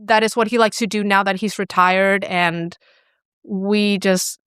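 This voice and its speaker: Chatty young woman from Chile, smooth voice. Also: mid-range voice, unhurried, dry recording, clean studio sound. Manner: relaxed, chatty, many fillers like "like" and "you know". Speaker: client care specialist, guest. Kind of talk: casual interview chat.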